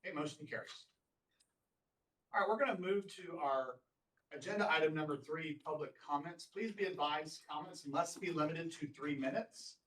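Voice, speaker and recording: A man chairing a board meeting, polite and measured with frequent fillers. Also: fairly high pitch, fairly bright tone. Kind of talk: formal meeting procedure, plain and patient. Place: large meeting room. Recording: roomy sound from a distant mic.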